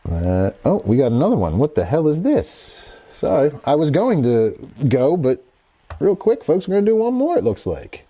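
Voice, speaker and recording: A middle-aged man chatting through a casual livestream, laid-back and rambling as he reads news aloud. His voice is warm and mellow, and his pitch swings around expressively. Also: wildly swooping pitch, normal speed. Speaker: host.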